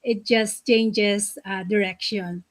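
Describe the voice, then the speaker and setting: Panel host lady, slow and kinda high, lots of ums, dry close sound. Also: fairly even intonation, no echo. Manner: hesitant, many fillers. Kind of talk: online panel hosting.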